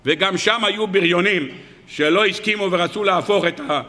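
A man's voice: high-pitched, sharp tone, big-room sound. A man teaching a religious lesson, telling a story and asking rhetorical questions that he then answers. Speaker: Torah teacher.

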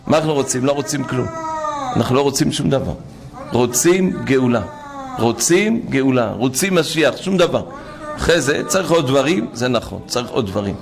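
A man preaching a fervent religious sermon, urging his listeners to cry out and often rising to shouts. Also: medium pitch, lively intonation, creaky. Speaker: rabbi preacher.

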